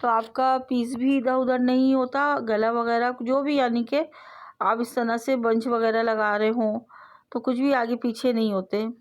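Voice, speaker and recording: A woman's voice: a little high, little pitch movement, unhurried. Patient woman explaining sewing steps. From South Asia. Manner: patient step-by-step explaining, repeats phrases. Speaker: sewing tutorial host. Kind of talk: instructional voice-over.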